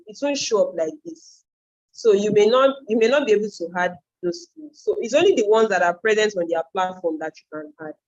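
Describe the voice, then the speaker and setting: Speaking with a Nigerian accent, this native Yoruba speaker and freelancing trainer walks viewers through an informal tutorial, reasoning aloud as she explains each step. Her mid-range voice has a darkish tone on a muffled recording.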